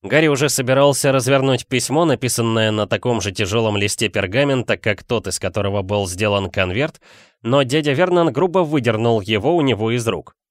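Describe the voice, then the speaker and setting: A man's voice: mid-range voice, a little fast, dry recording, studio quality. A man reading an audiobook, narrating steadily and expressively. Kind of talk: scripted narration.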